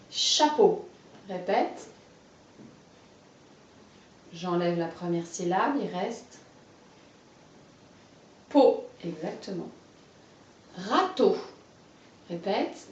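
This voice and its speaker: A woman guiding a child through a phonology lesson, giving clearly pronounced words one at a time and encouraging replies. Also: on the low side, recorded from a distance. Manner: slow, carefully articulated, encouraging. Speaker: teacher of a phonology exercise. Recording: dull, roomy, off-mic sound.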